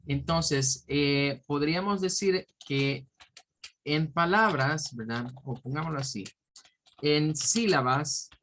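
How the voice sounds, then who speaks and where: A man's voice: on the high side, slow, fairly bright tone. A man teaching an online pronunciation lesson, patiently explaining step by step, repeating example words and often checking in with his listeners. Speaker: English teacher.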